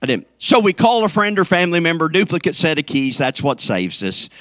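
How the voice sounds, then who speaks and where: A man's voice: on the high side, very animated, a little fast, fairly bright tone, dry recording, studio quality. A man preaching a sermon to his congregation, folksy and joking, swinging up into emphatic peaks. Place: church sanctuary.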